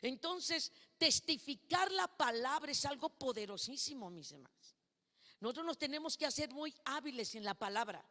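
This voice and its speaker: A woman's voice: high voice, expressive, moderate pace, pushed and bright, big-room sound. A woman preacher giving a sermon at a women's conference, asking the congregation questions and having them repeat words after her.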